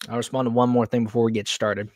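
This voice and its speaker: A man's voice: mid-range voice, flat delivery, fast talker, no room sound, clean studio sound. A man hosting a casual streamed podcast, rambling and talking in fillers and restarts. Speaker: podcast host.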